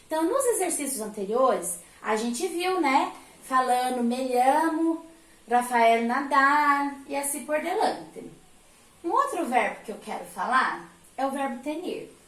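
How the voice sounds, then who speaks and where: High-voiced Brazilian woman teaching Spanish. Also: animated, unhurried, fairly bright tone, recorded from a distance. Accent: Brazilian Portuguese. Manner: explanatory, repeats "né?" and "tá?" checks; mixes Portuguese with Spanish words. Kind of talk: recorded online class explanation. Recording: echoey room, voice off-mic.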